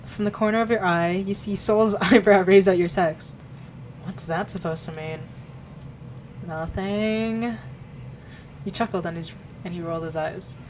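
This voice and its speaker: A woman's voice: medium pitch, fairly even intonation, a little fast, a little mellow, a little hiss or hum, low-quality recording. A young woman streaming, reading a visual novel aloud in a casual way, often tripping over words and correcting herself with a laugh.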